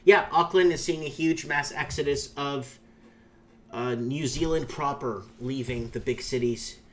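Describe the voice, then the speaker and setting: This man runs his own YouTube channel and, as a native Portuguese speaker, talks in an unhurried, medium-pitched voice. He meanders through opinionated takes on viewer comments, with many fillers and false starts.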